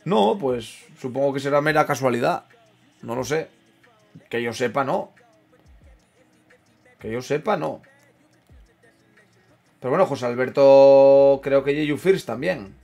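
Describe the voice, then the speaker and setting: A young man giving casual commentary while playing a football management game, chatting with viewers, swearing and yelling at big moments, then muttering low. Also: slow pace, vocal fry, long pauses, soft background music. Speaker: gaming streamer. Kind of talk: casual live gameplay commentary.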